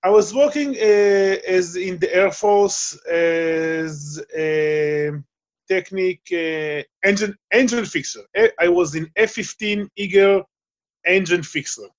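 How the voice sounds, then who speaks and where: A high-voiced Israeli man, heard over a muffled line, is the guest in a remote interview conversation. He speaks haltingly, groping for English words and filling gaps often.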